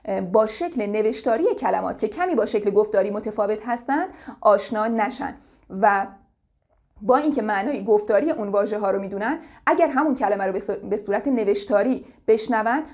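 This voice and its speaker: A woman giving informal spoken advice to parents as an educator, in a calm and patient way. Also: mid-range voice.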